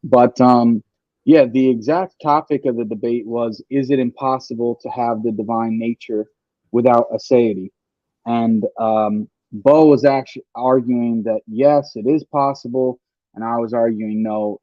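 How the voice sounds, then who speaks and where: A male podcast host with a mid-range voice chats casually, walking through an idea step by step and using lots of fillers. He's on a home computer mic over a stream, so the sound is dull and lo-fi, with no echo.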